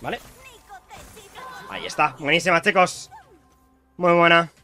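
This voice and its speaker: A young man from Spain with a Spanish accent, chatting excitedly to viewers while commentating his own gameplay. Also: fairly high pitch, a little slow, soft background music. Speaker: streamer playing a video game.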